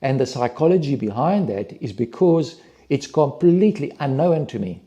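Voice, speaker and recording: A man's voice: mid-range voice, lively intonation, normal speed, dark tone. A man hosting his own channel, talking through space images in a thinking-aloud monologue with hesitant restarts. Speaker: channel host analysing images. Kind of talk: explanatory monologue over images.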